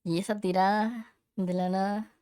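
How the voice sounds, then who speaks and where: A woman's voice: mid-range voice, fairly even intonation, moderate pace, dark tone, no echo, clean studio sound. A woman streamer with a cute anime-streamer manner, chatting casually as she reacts to a video.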